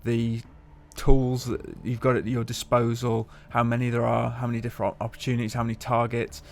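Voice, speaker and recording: A man, co-hosting a casual chat over gameplay footage, relaxed and chatty with casual swearing. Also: medium pitch, a little fast, gravelly, a little hiss or hum. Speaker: games journalist, co-host.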